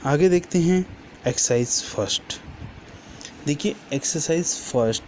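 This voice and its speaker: A man's voice: medium pitch, a little mellow, a little hiss or hum. A male teacher giving a classroom lesson, patiently repeating each word list and correcting himself as he goes. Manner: corrects himself mid-sentence.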